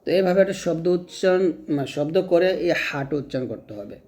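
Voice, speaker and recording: A man teaching pronunciation as a patient teacher. He repeats each sound slowly so his learners can follow. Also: on the high side, animated, dark tone. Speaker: Quran recitation teacher. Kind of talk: step-by-step pronunciation lesson.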